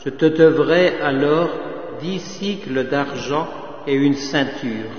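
A man reading scripture aloud at a liturgical office, measured and solemn, sometimes slipping into chant. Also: a little high, slight background noise. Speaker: liturgical reader. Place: chapel or church. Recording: reverberant church, dull lo-fi sound.

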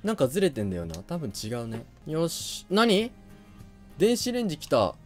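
A man's voice: on the high side, huge pitch swings, moderate pace, darkish tone, soft background music. A young man giving casual game commentary, thinking aloud and often hesitating. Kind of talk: casual let's play commentary.

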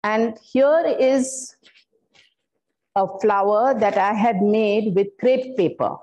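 A woman's voice: medium pitch, takes it slowly, dark tone, dull audio. An older woman giving a floral art workshop demonstration, explaining her materials step by step with some fillers. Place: indoor studio room.

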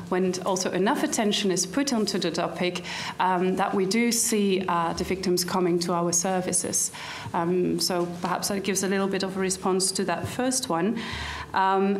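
A woman's voice: medium pitch, a little hiss or hum. A woman in her thirties answering questions on a conference panel, hesitant, with many fillers and restarts, at a table microphone.

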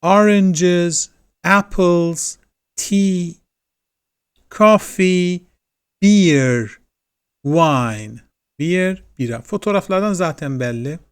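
A man with a Turkish accent teaching English, slowly repeating example sentences in a classroom-style lesson. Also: high voice, clean tone. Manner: slow, drilling repetition of example sentences.

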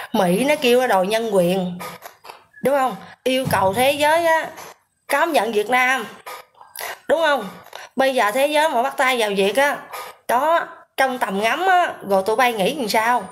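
A woman rants on a livestream in a combative way, hammering her viewers with questions. Her voice sits fairly high, with faint noise behind it. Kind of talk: livestream rant.

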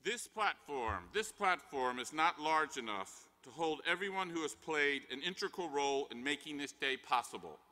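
An older man, a dean, giving a measured formal closing address from a podium in a large arena. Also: fairly high pitch, animated, pushed and bright. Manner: measured, reads from a script. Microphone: podium mic. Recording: long arena reverb.

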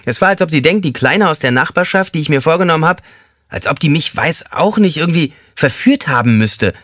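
Squeaky high inmate, crude and rambling, audiobook character, dry close sound, put on by a male narrator. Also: expressive, fairly quick, a bit bright, no room sound. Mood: crude, mocking. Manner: coarse, rambling storytelling.

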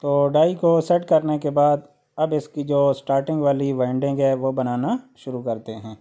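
A man hosts a tutorial, walking viewers through a machine one step at a time. His voice is mellow and sits at a middling pitch, and he talks in a calm, explanatory way. Now and then he pauses with a hesitant "uh.". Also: lo-fi sound, slight background noise. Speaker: electrician channel host. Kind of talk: how-to machine demonstration.

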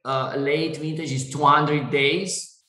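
A man, a winery owner whose first language is Italian, speaking on a video call in halting English with many fillers and restarts. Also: a little high, little pitch movement, sharp tone, reverberant, low-quality recording. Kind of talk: Zoom wine tasting interview.

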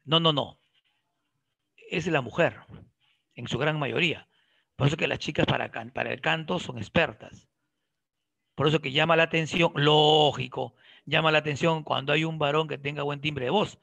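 A man lecturing a biology class, quizzing his students and cracking jokes as he goes. His voice sits a little high and sounds bright and gravelly. It is recorded close and dry, with no room sound. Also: moderate pace, pauses often, no echo. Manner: lively, questioning students directly and joking. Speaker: biology teacher.

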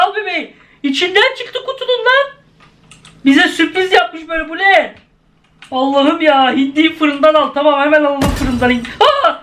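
Excitable high-voiced man gaming. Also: a little hiss or hum. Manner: excitable, frequent shouted exclamations. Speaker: gaming YouTuber. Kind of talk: gameplay commentary.

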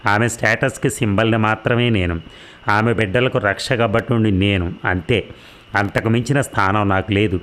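A man's voice: fairly low pitch, moderate pace, close to an everyday voice. Man voicing a bitter, defiant middle-aged husband. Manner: bitter complaints, then shouted commands.

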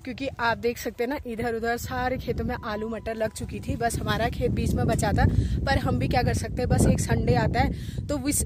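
Woman, 30s, from Uttarakhand, rather high voice, chatty village vlogger talking into a phone at arm's length outdoors. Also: heavy background noise. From Uttarakhand, India. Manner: chatty, explains each task as she goes. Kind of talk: casual vlog narration to camera. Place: hillside fields outdoors. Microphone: phone held at arm's length.

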